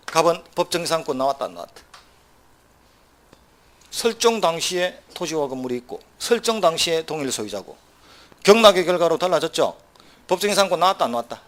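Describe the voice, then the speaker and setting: Brisk man lecturing on exam law. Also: on the high side, fairly bright tone. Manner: brisk, quizzing students with rhetorical either-or questions; wry asides with short laughs.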